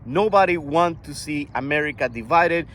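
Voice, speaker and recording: Older man, earnest, halting speech, slightly high voice, faint street noise outdoors. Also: lively intonation, fairly bright tone. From Costa Rica. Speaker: vlogger. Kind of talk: casual monologue.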